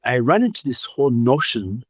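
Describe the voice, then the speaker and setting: A man's voice: medium pitch, big pitch swings, moderate pace, husky, no room sound, studio quality. A middle-aged man from Uganda with a Ugandan accent, a playful, expansive guest in an interview who laughs often. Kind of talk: podcast interview.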